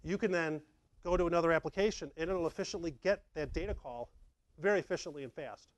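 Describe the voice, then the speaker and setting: A middle-aged tech presenter with a fairly high voice talks fast and lively, keeping it conversational and acting out his examples. He's giving a slide presentation at a meetup in a dark meeting room with a projector, and the recording has no echo.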